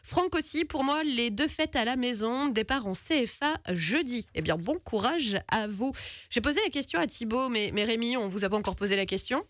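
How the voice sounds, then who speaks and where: Woman radio host, slightly high voice, chatty, dry studio mic. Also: animated, moderate pace, a bit bright, no echo. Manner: chatty, reads listener messages, laughs easily. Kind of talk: live radio talk show hosting. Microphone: studio microphone.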